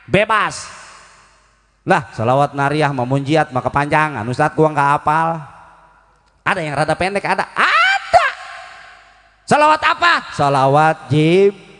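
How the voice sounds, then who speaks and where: Playful preacher in a hall. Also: male voice, a little high, fairly even intonation, moderate pace. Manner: playful, sings short chants, mimics housewives. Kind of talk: comic sermon.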